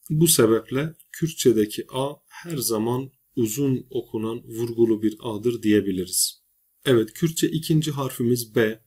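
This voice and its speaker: A male teacher giving a recorded grammar lesson, patiently explaining and slowly repeating example words. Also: medium pitch, darkish tone, slightly rough. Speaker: language teacher.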